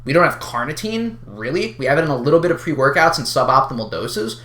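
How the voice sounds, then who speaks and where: An online video creator addresses their community in a quick, unscripted, unhinged rant, their sharp, forceful voice swinging widely in pitch with lively, sarcastic, exasperated emphasis. The casual, sweary delivery echoes around the room.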